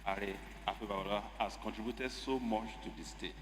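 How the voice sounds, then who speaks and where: Nigerian lawmaker in an echoey hall. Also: male voice, lowish voice, steady tone. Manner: measured, emphatic. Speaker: state lawmaker. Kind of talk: formal parliamentary speech. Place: legislative chamber. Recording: echoey assembly hall with faint noise.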